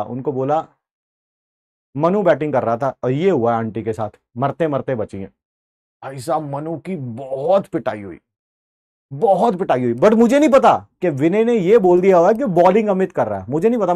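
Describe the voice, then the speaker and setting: Teacher guy in his 40s telling a story, high voice, super dry close sound, keeps saying "theek hai". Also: no room sound. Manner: animated, keeps tagging "ठीक है" and mixing in English phrases. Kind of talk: anecdotal storytelling to students.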